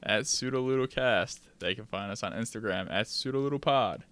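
A man with a bright, forward voice co-hosting a podcast. He delivers dry, deadpan jokes in a relaxed manner. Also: fairly low pitch, fairly quick, no room sound. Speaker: podcast co-host. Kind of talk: casual chat.

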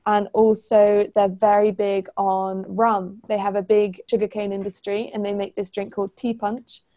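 A young adult woman, a former language assistant, appears as a podcast guest for a casual chat. Her mid-range voice is warm but flat in delivery at normal speed, and she describes things enthusiastically.

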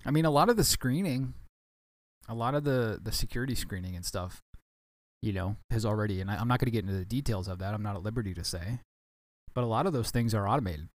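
Male podcast host, lowish voice, dry close recording, rambling casual delivery full of restarts. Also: lively intonation, fast, no room sound. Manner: rambling, many restarts and self-corrections. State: tired, yawning. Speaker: podcast host, former baggage handler.

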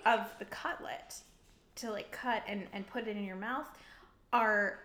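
A woman co-hosting a podcast, teasing and animated in casual storytelling. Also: medium pitch, measured pace. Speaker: podcast co-host. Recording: roomy echo.

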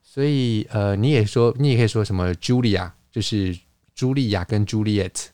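Male podcast host, lowish voice, patient lecturer, dry close sound. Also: moderate pace, mellow, clean tone, no room sound. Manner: explanatory, lecturing with fillers and restarts. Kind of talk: casual conversational podcast.

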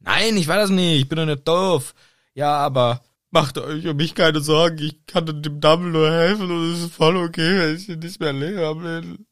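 Ein Mann, der in lockerer Runde einen großen, brummigen Wildhüter spielt und empört mit erhobener Stimme spricht. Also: male voice, a little high, fairly even intonation, moderate pace, a bit bright, dry recording, clean studio sound, voice pushed up, lightly acted. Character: big gruff male half-giant gamekeeper, defensive.

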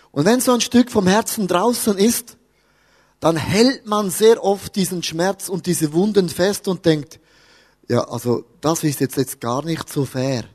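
A man's voice: high voice, a little mellow, long reverb tail. Man preaching with humor. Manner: humorous, talks to the audience with questions. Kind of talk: lively sermon with stories. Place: church hall with audience.

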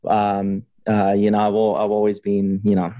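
A young Honduran man, a PhD student, chats casually as a guest on a podcast, rambling with plenty of fillers and restarts and laughing often. His voice is lowish and completely flat, at a moderate pace. The recording is muffled, with no echo.

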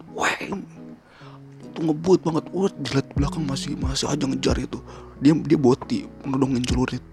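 A man tells a story as a caller, chatty and lively, acting out the shouts. His voice has a gravelly, creaky edge. Music plays clearly behind him. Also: mid-range voice. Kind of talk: casual storytelling. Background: music playing.

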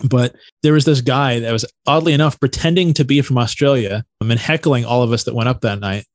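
A man, a stand-up comedian guest, telling anecdotes in a casual, slangy, animated way. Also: medium pitch, brisk, no room sound. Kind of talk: casual storytelling.

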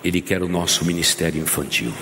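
A male pastor delivering an impassioned sermon in a church, swinging between hushed and loud. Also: low voice, steady tone, fast. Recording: echoey church hall with faint noise.

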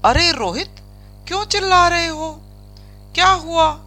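A woman's voice: very high voice, expressive, measured pace, pushed and bright, soft background music, pitched above the performer's own voice, heavily acted. A woman voicing a teasing male magician who scolds in a chiding, matter-of-fact way. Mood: scolding.

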